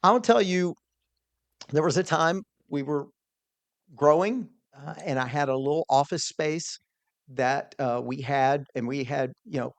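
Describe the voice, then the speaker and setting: A man's voice: a little high, dry recording. A middle-aged man speaks earnestly as a podcast guest, with a slightly raised voice. He tells his story conversationally and restarts his phrases often. The recording is dry and close. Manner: earnest, with frequent restarts and repeated words. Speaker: guest, small business owner.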